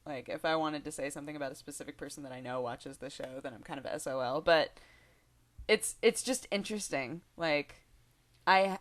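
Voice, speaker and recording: A woman in her twenties talking casually to the camera in a rambling vlog, chatty and giggly, full of fillers and restarts. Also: sits low. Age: 20s. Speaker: video blogger.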